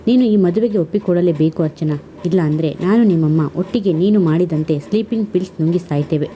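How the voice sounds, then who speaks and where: A stern, desperate middle-aged father, pleading with his daughter as a female storyteller puts him on. The voice stays low and dark, in a storybook reading. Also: brisk, a little hiss or hum, lightly acted.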